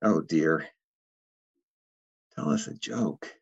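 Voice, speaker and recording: Gravelly man, halting interview guest. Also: a bass voice, expressive, highs cut off. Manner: thoughtful, halting with many fillers. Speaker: interview guest, documentary producer. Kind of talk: conversational interview.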